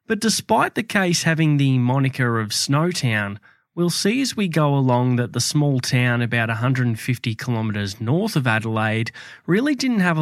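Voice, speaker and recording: A man's voice: mid-range voice, no echo, studio quality. A man hosting and narrating a true crime podcast from a script.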